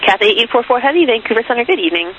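A woman's voice: fairly high pitch, very animated. A woman working as an air traffic controller, giving clipped, formulaic instructions and numbers over a radio. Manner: brisk, formulaic, digit-by-digit readouts. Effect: radio transmission. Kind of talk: clipped procedural radio communication. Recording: narrow tinny radio channel with hiss.

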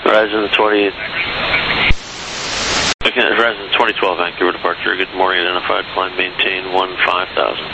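A man working as a departure controller, giving brisk, procedural clipped instructions over the radio. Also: low-pitched, little pitch movement. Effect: radio transmission. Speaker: departure air traffic controller. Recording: dull radio with loud hiss.

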